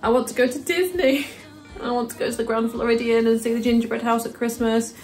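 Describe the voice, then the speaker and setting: A woman's voice: a little high, steady tone, brisk, a little mellow, soft background music. A British woman from the UK chatting casually to camera for her vlog, talking through her day as she goes. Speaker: vlogger.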